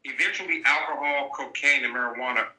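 Male guest, bright forceful voice, blunt and emphatic, roomy echo. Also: mid-range voice, fast. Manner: blunt, emphatic, repeats key points. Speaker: interview guest. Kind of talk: candid storytelling.

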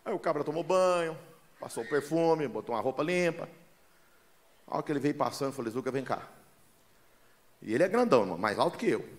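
A man's voice: on the high side, fast. A man preaching a sermon as a pastor, telling folksy stories and often calling listeners "brother". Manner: lively, acts out the voices in his stories.

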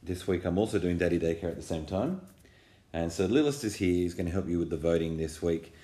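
A man's voice: low-pitched, a little fast, warm tone, echoey room. An Australian man, around his thirties, hosting a casual podcast and talking patiently in simple questions with a small child. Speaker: podcast host.

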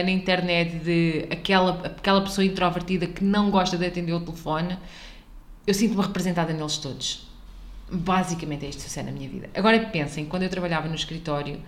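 Chatty European Portuguese woman podcaster. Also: lowish voice. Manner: chatty and digressive, with frequent restarts. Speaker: podcast host. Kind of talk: casual solo podcast monologue.

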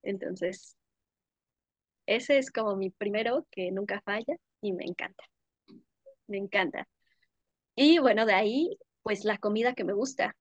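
A young woman guest in a casual interview, talking warmly and effusively about sensory pleasures, often laughing. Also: mid-range voice, measured pace, pauses often, dry recording. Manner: warm, effusive, sensory descriptions with frequent laughs. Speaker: podcast guest, workshop leader.

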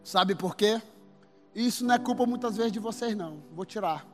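A man preaching a sermon as pastor, emphatic and building to shouts. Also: high voice, normal speed. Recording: long hall reverb with faint music.

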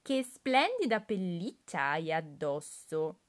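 A woman voicing a curious little girl in a storybook reading, in a high, sing-song, wide-eyed manner. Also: big pitch swings, slow pace. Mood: innocent.

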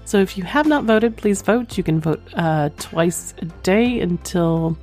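A woman's voice: lowish voice, expressive, measured pace, darkish tone, faint music behind. A woman hosting a podcast, talking in a candid, flirtatious way, moving between reading aloud and casual chat. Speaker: podcast host. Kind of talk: reading listener's story, then casual chat.

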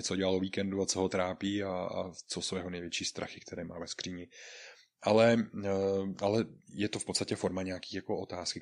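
A man teaching an online Spanish lesson to beginners, explaining patiently, repeating phrases, and acting out greetings in a raised, lively voice. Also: low voice. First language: Czech.

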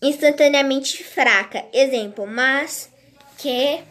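A woman reading a grammar lesson aloud in a slow, halting way, restarting words as she goes. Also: high-pitched, fairly bright tone, a little hiss or hum. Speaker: teacher.

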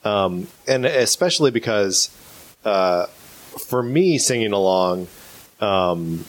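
A young man co-hosting a podcast, chatting casually about music, halting and restarting often, laughing and swearing. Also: on the low side, animated. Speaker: podcast co-host.

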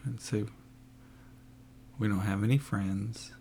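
A man's voice: on the low side, fairly even intonation, slow, vocal fry, dark tone, slight background noise. A man, co-hosting a casual podcast and joking around teasingly. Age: 40s. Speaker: podcast co-host.

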